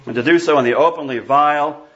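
A man's voice: on the high side, fast talker, a bit bright, lo-fi sound. A pastor in his sixties from Iowa, preaching an emphatic, scornful sermon and bantering with the congregation. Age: 60s. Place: church sanctuary.

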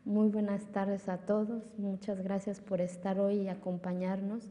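Her mellow, medium-pitched voice stays level and unhurried as the reverberant hall carries it. A Oaxacan woman in her thirties with a Mexican Spanish accent and Zapotec as her first language, she gives a public speech on a lit stage before an audience. She speaks earnestly and emphatically, repeating phrases for force.

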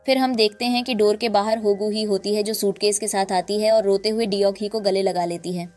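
A woman narrating a drama recap in a lively storytelling way, acting out the quoted lines. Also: medium pitch, fairly quick, soft background music.

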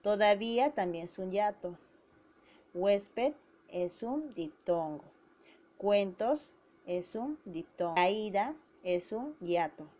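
A woman teacher giving a grammar lesson to schoolchildren, slowly spelling out syllables. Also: mid-range voice, lively intonation, warm tone. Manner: slow and deliberate, spelling out syllables. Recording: dull lo-fi recording.

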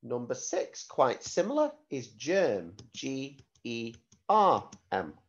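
A man reads out a school spelling dictation at a slow, careful pace. His mid-pitched voice is very lively in intonation as he repeats and spells out words like a primary teacher. The recording is slightly dull and lo-fi. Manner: deliberate, repeats words and spells them out letter by letter.

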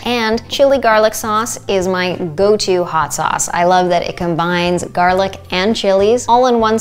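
Upbeat woman hosting a cooking lesson. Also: fairly low pitch. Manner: bright, upbeat explaining while cooking. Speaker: cooking show host. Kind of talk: recipe demonstration. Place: home kitchen set, indoors. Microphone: small lapel mic.

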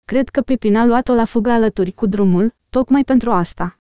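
A woman voicing a grim, determined male ranger leader in an audiobook, speaking in a steady, commanding way. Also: a little high, clear, resonant tone, no room sound, natural voice. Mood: earnest.

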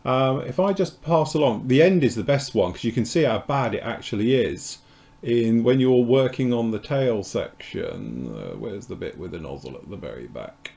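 A man's voice: medium pitch, animated, normal speed, creaky, darkish tone. Guy hosting a model kit livestream, casual and rambly, middle of the road voice. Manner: chatty, rambling, explains as he goes. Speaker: host of a model-kit live show. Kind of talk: casual live-stream chat.

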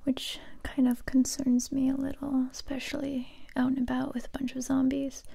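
Whispering close to the microphone, an ASMR actress portrays a young adult survivor, a gentle yet guarded interrogator, in a breathy, even, high-pitched, full character voice. The delivery is slow, hesitant and intimate, and the mood feels wistful and worried.

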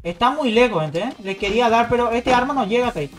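A man giving excited live commentary on his gameplay, calling out to teammates and his chat as he plays. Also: very high-pitched, quick pace, soft background music. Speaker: gaming streamer.

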